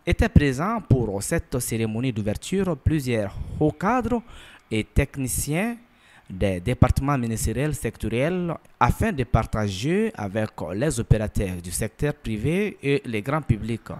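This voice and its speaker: A male news narrator reading a scripted report in formal, polished phrasing. His intonation rises and falls with lively movement, and his pitch sits in a mid range. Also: measured pace.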